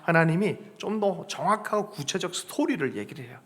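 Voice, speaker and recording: A male pastor preaching a Sunday sermon to his congregation, acting out quoted lines, asking the congregation to answer back, and building up to loud, emphatic high points. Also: animated, a little fast. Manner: chuckles and calls on the congregation to respond. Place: church sanctuary with congregation.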